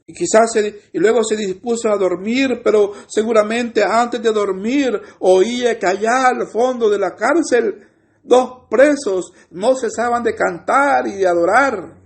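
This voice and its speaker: A man from El Salvador with a Salvadoran Spanish accent preaches an earnest sermon, addressing his listeners as brothers. His voice is high-pitched and unhurried.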